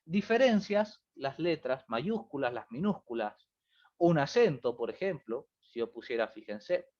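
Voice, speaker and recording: Male programming teacher, animated delivery, muffled stream audio. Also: a little high, a little slow. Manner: explanatory, repeats "fíjense" and "¿bien?". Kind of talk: online review class.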